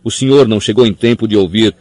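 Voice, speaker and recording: A man's voice: fairly low pitch, fast, a little mellow, no room sound, close to an everyday voice. A man reading an audiobook, voicing an earnest, clever schoolgirl who pleads insistently. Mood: pleading. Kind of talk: audiobook character voice.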